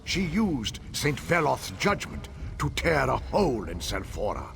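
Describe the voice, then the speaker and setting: A man playing an anguished, dying townsman spirit in a video game, speaking solemnly and haltingly with weary, dramatic pauses. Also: medium pitch, huge pitch swings, creaky, a bit bright, a little hiss or hum, full character voice. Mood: grave, sorrowful. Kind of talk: video game character acting.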